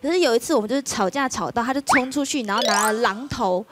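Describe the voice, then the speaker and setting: A woman speaks as a panel guest on a studio talk show. Her voice sits fairly high, and she tells her story in an animated way, acting out other people's words. Music plays clearly behind her. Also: quick pace.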